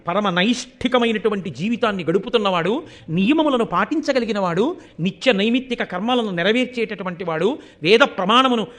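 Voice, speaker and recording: High-voiced man giving a scripture discourse. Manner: animated storytelling, chanting Sanskrit verses; swings between loud emphasis and hushed asides. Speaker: spiritual discourse speaker.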